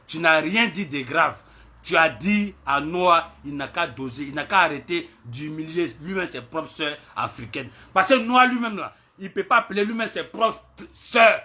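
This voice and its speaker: Man, heated online ranter, bright ringing voice, raised pitch, repeats himself, bursts loud then drops to mutters. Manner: heated, repetitive, swings from loud outbursts to low mutters. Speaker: online commentator. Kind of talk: ranting commentary video.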